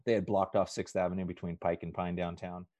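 A middle-aged man, a podcast guest, telling a story in a relaxed chat and acting out the voices he quotes. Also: sits low, a little fast, dry recording, muffled recording. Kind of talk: casual storytelling.

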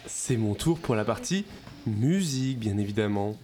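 A man's voice: on the low side, animated, moderate pace. A man co-hosting a pop culture podcast, presenting music news in casual chat, hesitating with many fillers and joking. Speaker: podcast co-host, music segment.

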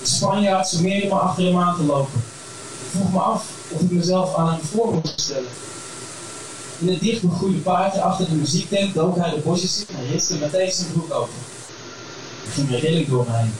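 A man tells a first-person story with frank, crude, wry humor, his voice sitting a little high. He is picked up from a distance in a very echoey room, with steady background noise behind him. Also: normal speed.

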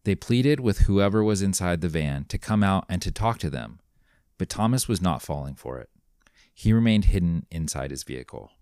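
A man reading a scripted mystery story in a measured, grave manner. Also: deep voice, a little mellow, no room sound, clean studio sound. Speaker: narrator.

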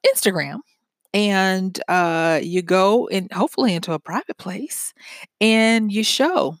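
A woman's voice: medium pitch, no room sound, clean studio sound. A woman hosting a talk show, explaining to her audience in a chatty, loose way, with fillers, restarts and frequent laughs. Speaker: podcast host. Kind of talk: casual commentary to an audience.

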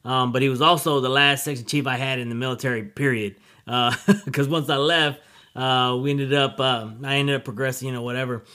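A middle-aged man hosting a casual podcast interview, friendly and halting with many fillers. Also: medium pitch, steady tone, bright, forceful tone. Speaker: podcast host.

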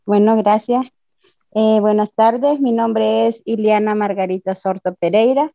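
A woman from El Salvador with a Salvadoran accent, giving a slow, hesitant personal testimony as a migrant, with many fillers. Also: medium pitch, fairly even intonation, creaky, warm tone, dry recording, highs cut off. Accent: Salvadoran Spanish. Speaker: interviewee, migrant. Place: Ciudad Juárez.

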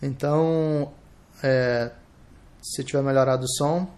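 A man with a Brazilian Portuguese accent hosting a live podcast, thinking aloud in a reflective, halting way. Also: medium pitch, steady tone, darkish tone. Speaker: podcast host.

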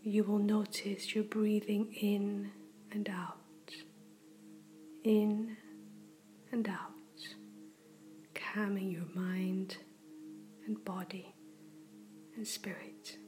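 A woman guides a breathing meditation in a soft whisper. She talks very slowly and gently, at a middling pitch. Faint music plays behind her. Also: monotone. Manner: slow, gentle and soothing.

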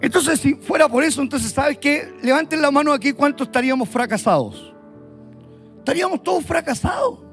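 Male pastor, very high voice, fervent sermon over soft music. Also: lively intonation, a little fast. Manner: impassioned, repetitive, building to shouts.

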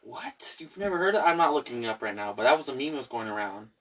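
A young man chatting casually with a friend, playful and goofy, often breaking into silly voices and sound effects. His pitch sits in an ordinary middle range. He sounds a little distant from the microphone. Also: big pitch swings, quick pace. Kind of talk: casual chat.

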